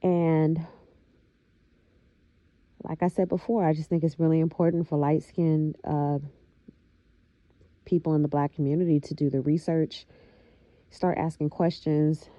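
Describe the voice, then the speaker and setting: A woman vlogger talking reflectively to her viewers, with a slow, thoughtful manner and many soft fillers. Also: low-pitched, fairly even intonation, dry recording, dull audio. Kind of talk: casual talking-to-camera monologue.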